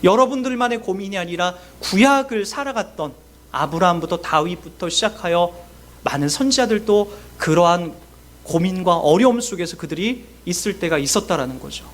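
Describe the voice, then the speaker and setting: A man's voice: high voice, moderate pace. A middle-aged man preaching a sermon as pastor, earnest and emotional, acting out quoted voices.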